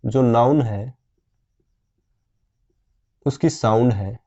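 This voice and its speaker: A man teaching a grammar lesson at an unhurried, patient pace. He asks his class questions and answers them himself. His voice is mellow and comes through a somewhat dull, lo-fi recording. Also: mid-range voice. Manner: slow, patient explaining with frequent questions to students.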